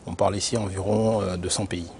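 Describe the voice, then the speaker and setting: A man who grew up in Benin, an internal auditor answering interview questions in a measured, explanatory way with frequent hesitations. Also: low voice, flat delivery, darkish tone, slight background noise. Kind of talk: corporate career interview.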